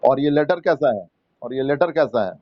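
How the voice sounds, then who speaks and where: A man teaching English grammar to students, slow and patient, repeating words and quizzing the class. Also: medium pitch, no room sound, lo-fi sound. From India. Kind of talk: Hindi-English grammar lesson.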